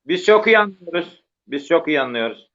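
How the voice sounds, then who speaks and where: A man with a fairly high voice speaks politely and matter-of-factly. His voice comes through a crackly, choppy call line. The sound is dull, muffled and far from the mic. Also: lively intonation, moderate pace, fairly bright tone. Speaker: remote panel participant. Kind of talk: online panel interview. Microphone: phone or computer on a call. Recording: muffled distant call audio.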